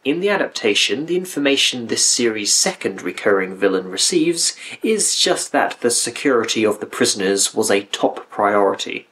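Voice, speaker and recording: A man's voice: lowish voice, sing-song, moderate pace, hardly any pauses, a bit bright. A man reading scripted review narration with dry, critical asides. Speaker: video essay narrator.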